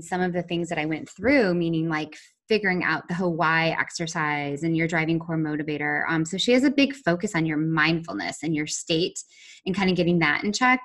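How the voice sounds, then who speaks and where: A woman's voice: lowish voice, a bit bright. A woman hosting a podcast in an enthusiastic, conversational way, sometimes from a prepared script. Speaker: podcast host. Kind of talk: casual podcast chat with scripted intro.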